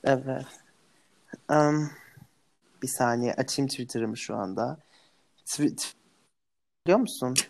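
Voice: medium pitch, slow, gravelly, long pauses, a little mellow, low-quality recording. Chatty self-mocking young co-host. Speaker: podcast co-host. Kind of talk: casual chat.

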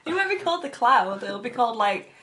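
A woman's voice: on the high side, big pitch swings, fast talker, sharp tone, a little hiss or hum. A woman co-hosting a casual comedic podcast, teasing and laughing a lot. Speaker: podcast co-host.

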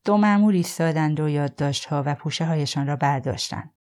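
A woman narrating an audiobook, acting out the agents and the suspect by lifting her voice and pushing harder for their lines. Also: darkish tone. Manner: voices the agents and the suspect with rising pitch and force. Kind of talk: audiobook reading with character dialogue.

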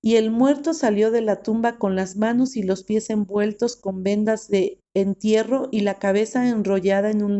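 A woman giving a steady, measured reading of a Bible passage. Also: mid-range voice, muffled recording. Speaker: scripture reader.

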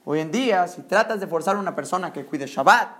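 A high-pitched man preaches a Torah sermon with rising emphasis. He drives his points home with rhetorical questions and sprinkles in Hebrew terms. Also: lively intonation, fast, a bit bright.

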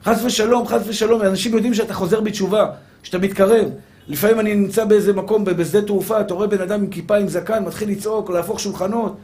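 A rabbi preaches with fervor, driving each point home by repeating it and calling out to his listeners as brothers. His voice sits high for a man. He trips over his words now and then when he restarts a phrase. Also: steady tone, darkish tone. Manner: fervent, repetitive preaching that addresses listeners as brothers. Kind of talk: sermon.

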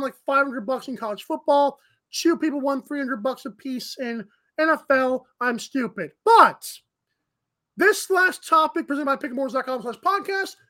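A woman's voice: sits high, a bit bright. A woman co-hosting a sports talk show, blunt and frank, who also reads the sponsor spots.

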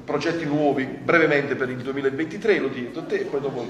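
A man's voice: medium pitch, quick pace, a crowd in the background. A man hosting an interview informally, in a hesitant, roundabout way. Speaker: interview host. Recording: echoey room, clear background noise.

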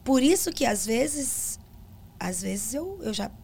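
This middle-aged woman, a gospel singer with a Brazilian Portuguese accent, takes her time in a fairly high, creaky voice, with slight background noise. In a casual interview she tells stories animatedly, acting out each bit of quoted dialogue.

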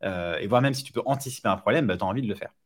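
A man's voice: fairly low pitch, racing. A man speaking as a guest on a casual podcast interview, talking with many fillers and restarts. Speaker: startup founder guest.

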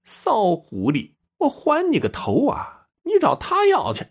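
A man's voice: high voice, wildly swooping pitch, a little slow, slightly rough, pitched above the performer's own voice, full character voice. A man voicing an enraged village wife who screeches insults at her rival, in a spoken story. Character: shrill furious village wife.

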